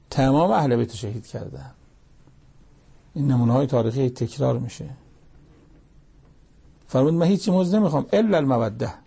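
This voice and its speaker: A man's voice: mid-range voice, creaky, mellow, breathy edge. A man preaching a sermon, reciting Arabic scripture and pressing his listeners with pointed rhetorical questions.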